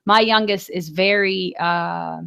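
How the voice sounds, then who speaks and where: A woman's voice: fairly low pitch, steady tone, slow pace, creaky, sharp tone, smooth. A woman in her forties chatting casually as a podcast co-host, telling stories full of fillers and light laughter. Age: 40s. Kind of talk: casual chat.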